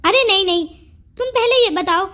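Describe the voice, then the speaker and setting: A kind, caring young man from a cartoon story, as a woman puts him on. The voice sits very high for a man. He talks gently and teases a little. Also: moderate pace, slight background noise. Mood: teasing.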